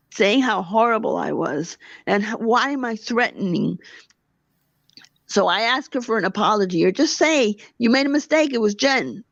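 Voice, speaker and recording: A woman's voice: fairly high pitch, dry recording. A woman hosting a livestream, ranting indignantly and answering her chat. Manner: indignant, rapid, talks back to chat. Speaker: livestream host. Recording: dull lo-fi dry sound.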